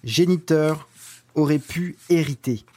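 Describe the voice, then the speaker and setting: Man acting a solemn, indignant missionary priest, higher-pitched. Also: takes it slowly, a little mellow. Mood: solemn insistence. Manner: solemn, declamatory. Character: indignant seventeenth-century missionary priest condemning slavery. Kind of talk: dramatic reading of historical religious writings.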